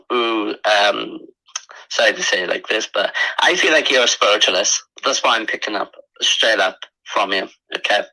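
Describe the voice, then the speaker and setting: A man working as a spiritualist, giving live psychic readings in an earnest, repetitive, halting conversational way. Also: lowish voice, pushed and bright, low-quality recording.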